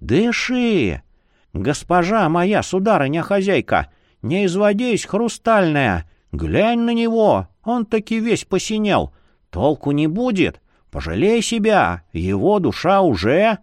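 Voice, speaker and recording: Guy putting on a fussy servant, squeaky and pleading, audiobook, dry. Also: huge pitch swings, takes it slowly, dry recording, full character voice. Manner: high, pleading, fussing.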